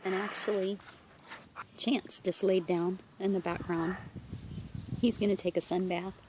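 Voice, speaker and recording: A woman recording a casual, rambling video diary as a fitness vlogger, relaxed and affectionate, speaking outdoors into a handheld camera. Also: mid-range voice, measured pace. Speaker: vlogger giving a daily fitness update. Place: outdoors at a horse property, sitting on the ground. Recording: noisy outdoor amateur recording.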